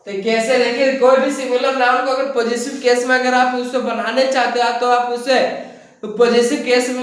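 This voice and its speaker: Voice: medium pitch, a bit bright. A teacher giving a classroom grammar lesson who repeats each point and keeps asking rhetorical questions, recorded in a classroom from a distance. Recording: echoey room, mic far off.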